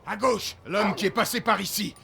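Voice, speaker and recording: An actor playing a loyal, alert special forces sergeant with brief military replies in a video game. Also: male voice, high-pitched, normal speed, gravelly, raised voice, heavy background noise. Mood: urgent.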